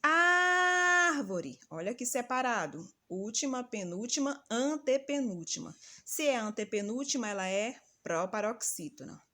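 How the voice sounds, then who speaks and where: A woman teacher giving a patient, didactic lesson and calling out example words slowly and loudly. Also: a little high, animated. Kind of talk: recorded grammar lesson for children.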